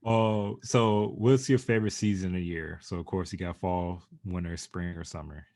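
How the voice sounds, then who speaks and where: A man's voice: low-pitched, steady tone, moderate pace, a little mellow. A man hosting a podcast, asking easygoing questions in casual chat. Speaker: podcast host.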